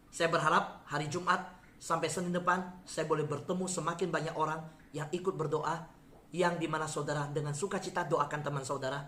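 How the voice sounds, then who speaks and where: A man's voice: on the high side, sharp tone, reverberant. A man preaching a sermon and sharing a personal testimony in an earnest, conversational way, speaking directly to his listeners.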